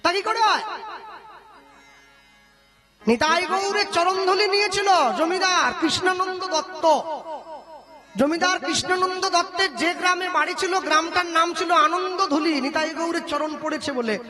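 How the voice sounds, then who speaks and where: A man's voice: extremely high pitch, steady tone, moderate pace. A man performing a devotional kirtan, telling a story to his listeners and acting out the characters' dialogue. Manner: acts out dialogue, asks the audience questions.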